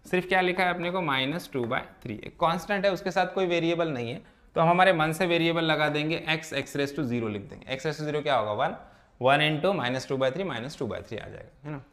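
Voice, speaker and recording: High, bright-voiced male math teacher. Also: fast talker. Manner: keeps asking checking questions. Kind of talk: classroom lesson explanation.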